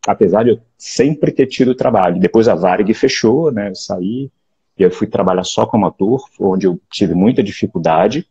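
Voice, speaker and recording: A Brazilian actor in his late forties from Rio de Janeiro with a Carioca accent, talking in a relaxed, reflective way over a video call, often restarting and adding "né?". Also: fairly low pitch, moderate pace, breathy edge, lo-fi sound. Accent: Carioca Portuguese. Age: late 40s. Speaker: actor, interview guest. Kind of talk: casual interview chat.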